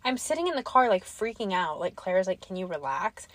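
A woman's voice: mid-range voice, very animated, fairly quick, a bit bright, no echo. A young woman co-hosting a casual podcast, talking in long rambling runs full of "like", her voice a little worn. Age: young adult. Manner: rambling, filler-heavy, lots of "like". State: slightly losing her voice. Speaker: podcast co-host. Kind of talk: casual chat. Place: quiet street.

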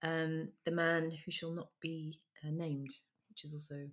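A woman's voice: deep voice, flat delivery, measured pace. A woman hosting a casual music chat, giggly and rambling with lots of ums. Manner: chatty, giggly, trails off with ums. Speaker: podcast host.

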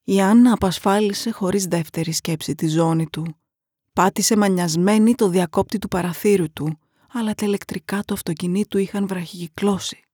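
Woman narrator, horror story, hushed, half-whispered, husky, dry close sound. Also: mid-range voice, no room sound.

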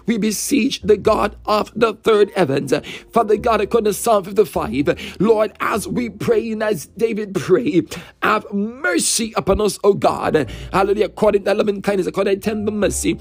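A male prayer leader offers a fervent spoken prayer, pleading and repeating phrases, sometimes half-singing and speaking in tongues in an impassioned intercession. His voice sits high and is gravelly with a breathy edge.

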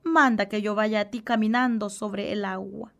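A woman's voice: medium pitch, steady tone, moderate pace, creaky, pitched below the performer's own voice, lightly acted. A woman acting out a frightened male disciple pleading to walk on water.

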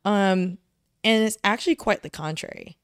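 A woman's voice: medium pitch, normal speed, clean tone, no room sound, studio quality. A young woman co-hosting a podcast, talking frankly and reflectively in casual chat. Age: young adult. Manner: reflective, frank, laughs easily. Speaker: podcast co-host.

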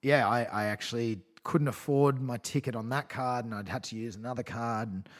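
A man's voice: mid-range voice, a little fast. A man in his thirties telling a personal story as a guest, rambling with frequent swearing and laughs. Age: 30s. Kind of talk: casual storytelling.

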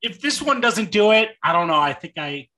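A man's voice: high voice, sing-song, a little fast, a crowd in the background. A man co-hosting a podcast, talking casually about movies with enthusiasm and frequent swearing. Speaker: podcast co-host.

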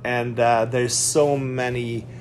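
This middle-aged man from Hungary speaks slowly and levelly at medium pitch, his Hungarian accent clear, as a casual interview guest. He's hesitant, packed with fillers and restarts, and laughs a lot. A little hiss or hum sits under the recording.

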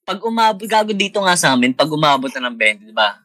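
A man's voice: fairly high pitch, sing-song, fast, sharp tone, dry recording, studio quality. A man joking in casual chat with friends, swearing and rapping bits of old songs. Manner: playful, swears, raps snippets.

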